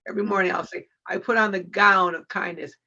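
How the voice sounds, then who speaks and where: A woman co-host speaking gently and affirmingly in a panel discussion. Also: medium pitch, steady tone, quick pace, slightly rough. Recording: dull lo-fi audio.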